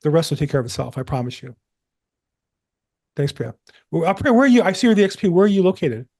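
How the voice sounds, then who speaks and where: A man with a fairly high voice coaches real estate agents on a group video call. He talks in an animated, encouraging way, dropping in self-deprecating jokes. The sound is that of a call microphone. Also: quick pace. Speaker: probate coach hosting a live call.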